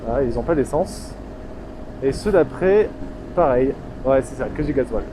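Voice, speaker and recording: A man's voice: medium pitch, lively intonation, normal speed, noisy background. A man with a southern French accent, chatting casually as he rides his motorcycle and swearing freely. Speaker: motorcycle vlogger. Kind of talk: casual vlog while riding.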